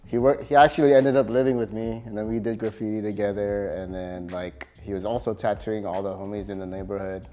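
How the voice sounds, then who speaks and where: A man from California, a tattoo artist, talking casually in an interview with a relaxed, halting manner full of fillers. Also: lowish voice, faint music behind.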